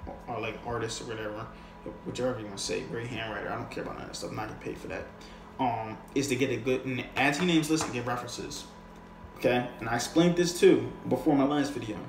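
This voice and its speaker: With a mid-pitched voice, a man talks like a sales coach in a casual, unscripted lesson, conversational and slangy, often checking that the listener is following. The room is clearly echoey, with faint noise in the background.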